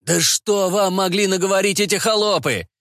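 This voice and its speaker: A man's voice: high voice, moderate pace, a bit bright, dry recording, studio quality, pitched above the performer's own voice. A man voicing a hissing, indignant Polish nobleman, a vampire, in an audiobook. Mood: scornful.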